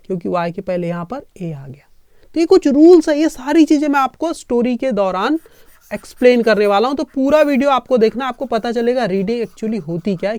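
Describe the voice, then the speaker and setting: A man's voice: extremely high pitch, smooth, no echo, clean studio sound. A man teaching English through a story, explaining word by word and checking in with listeners as he goes. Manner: keeps checking in with listeners, spells words letter by letter slowly. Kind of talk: explaining a reading lesson.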